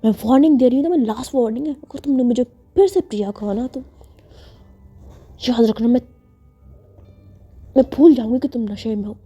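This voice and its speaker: A woman's voice: a little high, expressive, normal speed, husky. A woman playing a scolding, angry young woman. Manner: scolding, sharp warnings. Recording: dull lo-fi audio over music.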